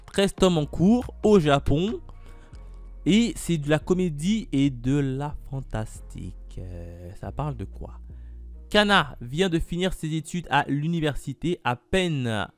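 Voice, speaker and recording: A man casually going through upcoming manga releases, thinking aloud with lots of fillers as he reads titles off a list. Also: fairly high pitch. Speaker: manga YouTuber.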